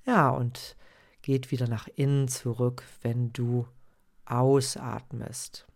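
A man with a mid-range voice leads a guided meditation like a sleep-story narrator. He takes his time, speaking slowly and calmly. His instructions are personal and gentle in manner, addressed to one listener. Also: mid-range voice, vocal fry. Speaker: podcast host guiding meditation.

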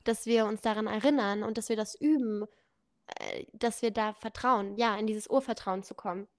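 A young adult woman casually telling a personal story as a podcast guest, lively and acting out the dialogue. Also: medium pitch, normal speed, no room sound, studio quality. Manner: lively, acts out quoted dialogue.

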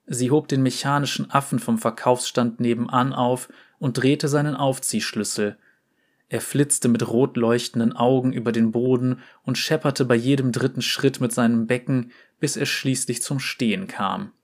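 A man calmly narrating a storybook. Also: mid-range voice, normal speed. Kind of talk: storybook reading.

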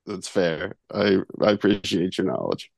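A laid-back man with a very low voice co-hosts a casual podcast. His talk is loose and full of "like" and "dude". The recording is close and dry, with no room echo. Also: very animated, unhurried, vocal fry. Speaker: podcast co-host. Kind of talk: casual chat.

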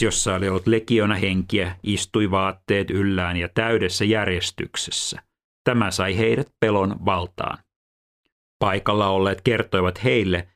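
Deep gravelly male scripture reader. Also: fairly bright tone.

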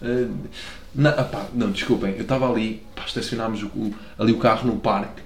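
A man's voice: on the low side, fairly even intonation, a little fast, echoey room. Rambling young man from Lisbon, slangy. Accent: Lisbon Portuguese. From Lisbon, Portugal. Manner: rambling, slangy and self-deprecating, swears freely. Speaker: podcast host. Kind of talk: casual solo podcast monologue. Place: room at home by a window.

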